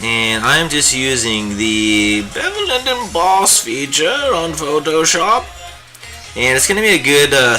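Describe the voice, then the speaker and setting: With a fairly low, pushed and bright voice, this young livestream host chats while he works on a digital painting lesson. His talk is rambling and jokey, loaded with fillers.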